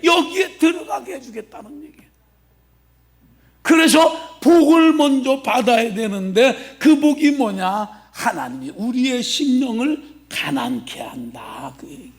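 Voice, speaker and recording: A male pastor with a strikingly high voice delivers a Sunday sermon in a church sanctuary. He preaches emphatically, breaking into shouts and calling back to the congregation for a response. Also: animated, measured pace. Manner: emphatic, bursts into shouting and keeps checking with the congregation. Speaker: senior pastor.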